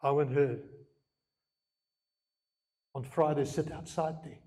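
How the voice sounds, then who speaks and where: Male pastor, slightly high pitch; earnest bilingual sermon delivery with repeated phrases. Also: fairly even intonation, takes it slowly, darkish tone. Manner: switches between Afrikaans and English mid-sentence, earnest, repeats phrases.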